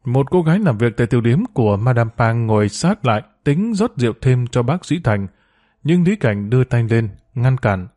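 A man narrating a serialized story at a measured, steady pace. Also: mid-range voice. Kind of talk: audiobook narration.

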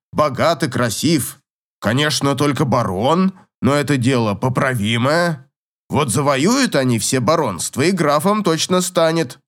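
A man voicing a gruff, teasing old professor in an audiobook, grumbling and chuckling in a slow drawl. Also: mid-range voice, close to an everyday voice. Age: older.

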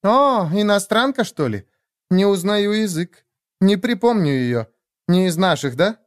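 A man's voice: high-pitched, expressive, dry recording, clean studio sound, pitched above the performer's own voice. A man voicing a brash, nervous young woman who turns crude and angry, in a read-aloud story. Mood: nervous teasing. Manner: mocking, crude, quick to anger.

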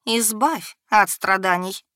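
A woman voicing a venomous spider spirit that whispers inside a mind, slow and insinuating. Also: mid-range voice, sharp tone, no echo, studio quality.

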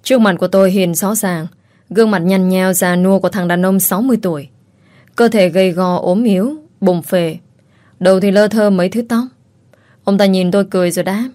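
A woman telling a first-person horror story in a steady, dramatic narration. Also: medium pitch, a little fast, dry recording.

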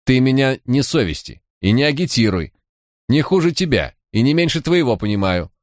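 A man's voice: mid-range voice, very animated, moderate pace, dry recording, clean studio sound, voice pushed up, close to an everyday voice. A man voicing a streetwise young woman thief, sulky, stubborn and full of defiant slangy back talk. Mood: defiant whining.

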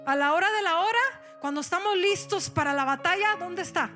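Woman pastor, animated sermon delivery, code-switches, high-pitched. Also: a little fast, soft background music. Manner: animated, switches into English, directs the congregation.

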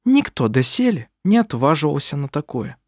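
A man reading aloud, voicing a proud, sharp-tongued middle-aged witch who is a mother, with dry, cutting remarks. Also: on the high side, sing-song, normal speed, dry recording. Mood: stern.

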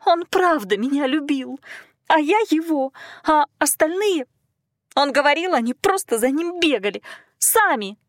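Woman voicing a shrill, tearful captive girl. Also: expressive, a little slow, no room sound, studio quality. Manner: shrill, whining and sobbing. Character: frightened captive young woman, tearful and defiant.

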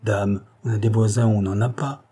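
A man voicing a chatty older village woman, brisk and obliging. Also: on the low side, steady tone, mellow, husky.

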